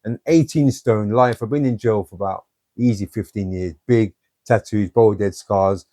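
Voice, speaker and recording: A male interview guest speaks at a normal speed in a lowish, dark voice, captured in studio quality with no echo. His stories from his own life are blunt and streetwise, full of "you know"s.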